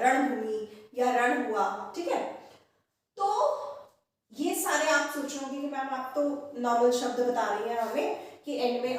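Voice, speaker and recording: A woman's voice: on the high side, distant mic. A woman teaching grammar to her viewers, patiently repeating each word several times as she explains. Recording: very echoey room, voice set back from the mic.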